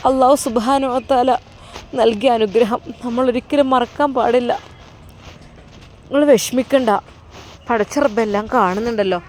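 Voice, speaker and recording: A woman voicing a gentle, pious young pregnant woman consoling another, with a Malappuram Malayalam accent. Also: fairly high pitch, moderate pace, long pauses, slight background noise, close to an everyday voice.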